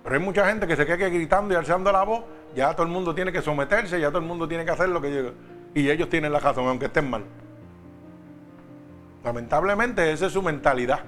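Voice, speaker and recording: A man's voice: a little high, fast talker, fairly bright tone, faint music behind. A man preaching a sermon, talking straight to the congregation with emphatic questions.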